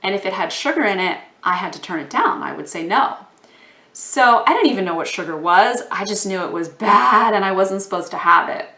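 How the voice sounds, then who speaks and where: A woman from Texas talking casually to camera in a vlog, a little hoarse from losing her voice, chatty with fillers. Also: mid-range voice, animated, a little fast, pushed and bright. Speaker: yoga vlogger. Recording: echoey room.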